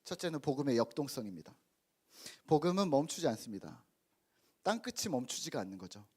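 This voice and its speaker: A man's voice: medium pitch, big pitch swings, fairly quick, husky. A middle-aged man preaching a sermon in church, telling stories about his family and congregation and acting out their voices. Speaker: pastor. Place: church sanctuary.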